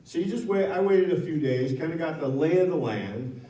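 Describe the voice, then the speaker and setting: A man from Nevada tells a personal story to a town hall audience in a frank, conversational way, stopping now and then to correct himself. His voice is mellow and dark. He sounds distant from the mic, in a room that echoes. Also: a little high, lively intonation, normal speed. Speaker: guest speaker.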